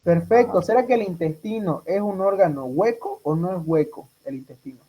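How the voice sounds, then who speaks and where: A man's voice: high-pitched, lively intonation, normal speed, highs cut off, a little hiss or hum. A man tutoring medical students for an exam, quizzing them and repeating their answers back. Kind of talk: exam review class.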